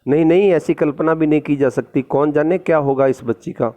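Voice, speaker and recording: A man's voice: fairly high pitch, brisk, phone-quality sound, voice pushed up, natural voice. A man voicing a grumbling, indignant talking letter box in a storybook play.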